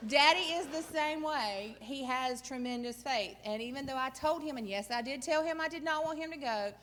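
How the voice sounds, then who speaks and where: A woman's voice: high voice, moderate pace, fairly bright tone. A woman, giving a church testimony in an earnest, emotional, plain-spoken way. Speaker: church member sharing a testimony. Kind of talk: personal testimony.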